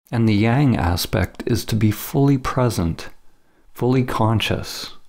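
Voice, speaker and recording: In a fairly low, slightly mellow voice, a teacher reads a scripted spiritual meditation, his phrases deliberate and measured, broken by brief pauses.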